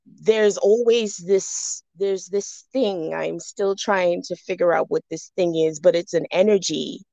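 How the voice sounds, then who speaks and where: A fairly low, gravelly woman's voice from the Bahamas, recorded dry and close. She is a young guest talking casually on a podcast, thoughtful and full of "um"s and restarts. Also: fairly even intonation, a little slow, dark tone, no room sound. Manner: reflective, many fillers and restarts.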